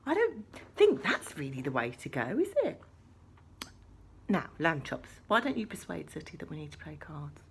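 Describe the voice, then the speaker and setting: A woman leading a children's church talk, chatting playfully with puppets and often dropping into hushed asides. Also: fairly low pitch, husky.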